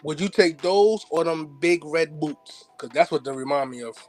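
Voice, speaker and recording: A man's voice: a little high, moderate pace, faint music behind. A man co-hosting a casual sneaker podcast, joking around in loose slang. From United States. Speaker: podcast co-host.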